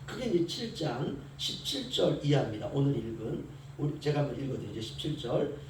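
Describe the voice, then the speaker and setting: Lively preaching man in echoey hall. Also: mid-range voice, a little fast. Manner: storytelling, acts out quoted voices of servant and master. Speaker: pastor. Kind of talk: early-morning sermon. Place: church sanctuary. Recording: echoey church hall from far off, faint hiss.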